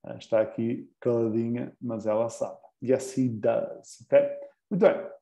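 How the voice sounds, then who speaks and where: A man's voice: mid-range voice, flat delivery, a little slow, gravelly, dark tone, roomy sound, low-quality recording. A man teaching an English class live, patiently repeating words and quizzing his students.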